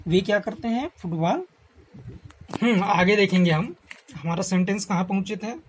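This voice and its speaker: A woman teaching a grammar lesson who repeats each example slowly and quizzes the listener. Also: medium pitch, a little hiss or hum.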